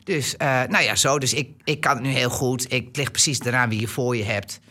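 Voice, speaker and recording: A woman's voice: very deep voice, brisk, husky. A woman in her sixties from Groningen with a Groningen accent, chatting as an interview guest and telling stories with fillers and laughter. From Groningen, Netherlands. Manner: chatty, animated, laughs often, many fillers and restarts. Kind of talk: relaxed personal storytelling.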